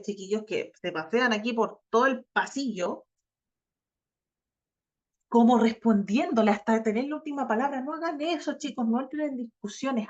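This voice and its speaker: A woman with a Chilean accent teaching an online class, chatty and talking straight to her students. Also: on the high side. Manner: chatty, addresses students directly, acts out quoted teens. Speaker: course instructor. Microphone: video call. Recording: lo-fi muffled video-call audio.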